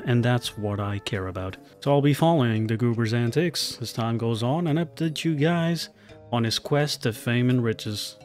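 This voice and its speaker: A man hosting a commentary video, speaking in a measured way with some fillers. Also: mid-range voice, darkish tone. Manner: measured, slightly halting with fillers. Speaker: channel host. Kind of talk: casual commentary.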